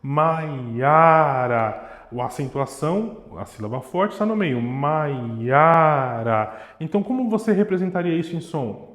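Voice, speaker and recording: Young violin teacher, slightly high voice, demonstrative, reverberant room. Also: male voice, animated, fast talker, dark tone. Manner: demonstrative, sings and vocalizes rhythms to illustrate. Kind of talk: explanatory music lesson. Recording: echoey room with long reverb. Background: violin playing.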